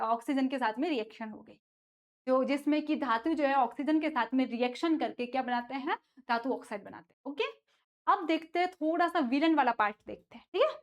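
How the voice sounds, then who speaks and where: A woman teaching school science in a lively lecture, often asking a question and then answering it herself, with playful asides. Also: sits high. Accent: North Indian Hindi. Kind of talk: classroom lecture with call-and-response questions.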